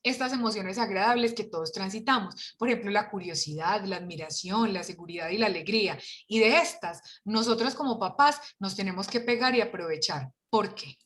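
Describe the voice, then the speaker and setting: A woman leading an online workshop for parents, lively and full of rhetorical questions, heard over a video call. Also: mid-range voice, fairly quick, hardly any pauses.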